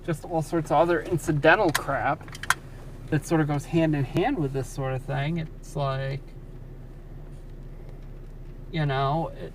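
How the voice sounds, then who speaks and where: Male, slightly high voice, grumbling casual livestream chat with swearing, recorded off-mic. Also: steady tone, moderate pace. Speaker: livestream co-host. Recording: distant mic with background noise.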